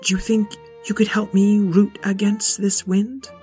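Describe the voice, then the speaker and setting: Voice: mid-range voice, little pitch movement, unhurried, darkish tone, faint music behind, pitched above the performer's own voice, lightly acted. A narrator puts on a brave young girl rabbit from a storybook, her voice lifted and eager. She sounds earnest and determined.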